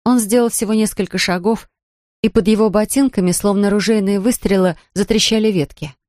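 Measured audiobook narrator, dry sound. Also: mid-range voice, steady tone, a little mellow, no room sound. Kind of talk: scripted narration of a thriller.

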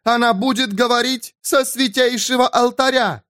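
A man doing a shrill fanatical nun. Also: steady tone, pushed and bright, clean tone, no room sound, studio quality. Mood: accusing. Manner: shrill, drawn-out denunciations. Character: fanatical grey-robed nun, shrill accuser.

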